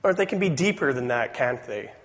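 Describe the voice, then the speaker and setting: A man with a voice weakened by a cold, preaching a sermon in an earnest, deliberate way with rhetorical questions. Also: mid-range voice, expressive, fairly bright tone. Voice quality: weak voice from a cold. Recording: dull recording in reverberant hall.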